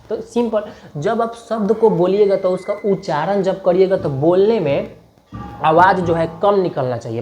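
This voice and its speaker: A man teaching a spoken lesson, chatty, often checking whether learners follow and repeating example words slowly to show their sounds. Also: on the high side, a little mellow, slight background noise. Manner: chatty, keeps asking learners if they understand. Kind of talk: spoken Hindi writing lesson.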